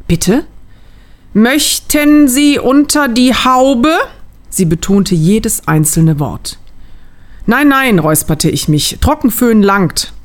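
A woman's voice: lowish voice, a little mellow. Woman reading a funny story with drama. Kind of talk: reading a humorous short story aloud.

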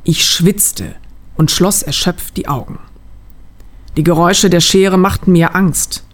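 A woman reading a humorous short story aloud in a lively, dramatic way. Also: fairly low pitch, measured pace.

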